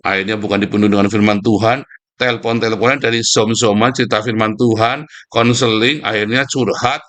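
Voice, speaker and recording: A man preaching a casual devotional sermon, scolding and mocking his listeners in a lively way. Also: fairly low pitch, brisk.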